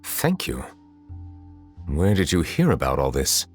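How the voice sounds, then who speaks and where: Game role: dignified chief justice, low register, solemn, measured, formal diction. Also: male voice, huge pitch swings, soft background music, heavily acted. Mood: composed. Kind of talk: video game character acting.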